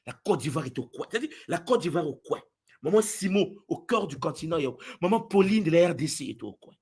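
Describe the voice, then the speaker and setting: A man addressing spiritual followers, jumping between booming exclamations and low asides, often acting out other people's voices. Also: very animated, a little fast, a little mellow, slightly rough. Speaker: spiritual teacher.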